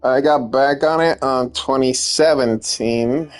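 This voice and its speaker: With faint music behind him, a ROM hack creator from Puerto Rico gives a loose, joking update, often interrupting himself. Spanish is his first language, and he speaks slowly at a medium pitch.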